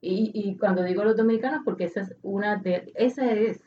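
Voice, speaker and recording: A woman's voice: mid-range voice, fairly quick. A woman with a Puerto Rican Spanish accent, co-hosting a casual conversation, thoughtful and often restarting her sentences. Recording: dull audio from a distance with faint noise.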